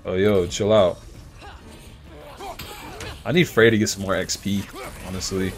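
A man giving casual live commentary on his game, swearing, thinking out loud and yelling in frustration at enemies while he chats with viewers. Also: sits low, fairly even intonation, a little slow. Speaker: video game streamer.

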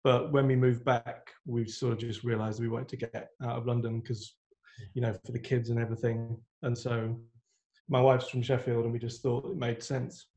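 A man's voice: mid-range voice, moderate pace. A man in his thirties, a guest composer chatting in an easygoing way over a video call from home, on a laptop mic. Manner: relaxed, easygoing. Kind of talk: casual video-call chat. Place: room at home.

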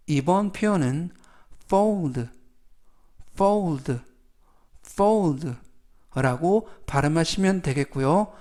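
A man teaching English vocabulary in a slow, careful lesson narration, repeating each word clearly for learners whose first language is Korean. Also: on the high side, darkish tone.

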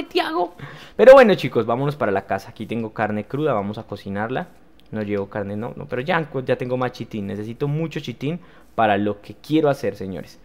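Un hombre joven con acento colombiano narra su partida de un videojuego. Habla con entusiasmo y exclamaciones constantes, y se dirige todo el rato a quienes lo ven. Su tono es el de una charla informal de youtuber. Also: male voice, mid-range voice. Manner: lively, exclamatory, talks to viewers as "señores". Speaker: gaming youtuber. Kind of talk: casual let's play commentary.

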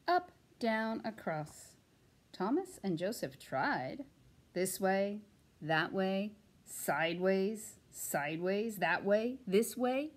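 A woman reading a children's picture book aloud in an expressive, animated way. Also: medium pitch, slow. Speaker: storytime reader.

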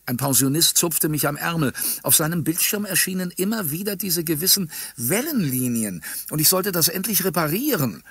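A man narrating a humorous audiobook story in a dry, ironic manner with a gravelly voice. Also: on the high side, sing-song, moderate pace, a bit bright, no room sound.

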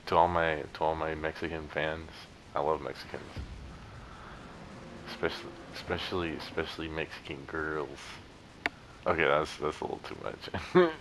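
A man's voice: rumbling low, fairly even intonation, normal speed, background noise. A young man in casual gameplay commentary, rambling and joking with friends on chat. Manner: rambling, joking, yelps and laughs at the game. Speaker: gameplay YouTuber.

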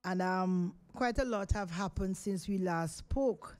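On a live studio talk show, a middle-aged radio host with a Jamaican accent chats away in a rambling manner, dropping in many fillers. Picked up by a studio microphone, her lowish voice is unhurried, smooth and slightly mellow.

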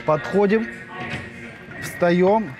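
A man's voice: sits high, extremely slow. Upbeat man touring a big gym. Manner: enthusiastic, chatty, hesitant fillers. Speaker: fitness vlogger. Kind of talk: walking gym tour. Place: large indoor gym. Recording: music playing under the voice. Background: background music.

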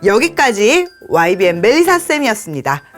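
A young adult woman, a teacher, walking through a learning app in a polite, clear, explanatory scripted presentation. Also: medium pitch, big pitch swings, moderate pace, faint music behind. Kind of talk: scripted product walkthrough.

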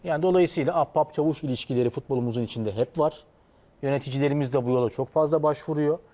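A man's voice: mid-range voice, racing, warm tone. A man co-hosting a football panel, arguing through rhetorical questions he answers himself. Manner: rhetorical, asks and answers his own questions. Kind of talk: studio panel discussion.

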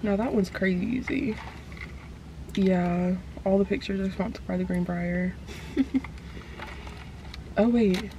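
A woman's voice: mid-range voice, takes it slowly, pauses often, dark tone, dull audio, a little hiss or hum. A woman in her twenties chatting casually, laughing often and using plenty of slang. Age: 20s. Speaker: vlog guest. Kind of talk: casual chat.

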